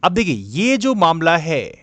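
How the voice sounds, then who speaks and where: An exam coaching teacher and presenter gives an explanatory lecture on current affairs, his voice on the high side with wildly swooping pitch and a fairly bright tone. He speaks at a measured pace in a didactic manner, code-switching between Hindi and English. There is no echo.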